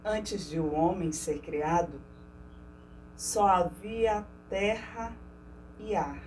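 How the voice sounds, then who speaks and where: A woman storyteller narrating a myth slowly and dramatically, dropping to hushes and rising to swells. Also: lowish voice, soft background music. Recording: distant mic with faint noise.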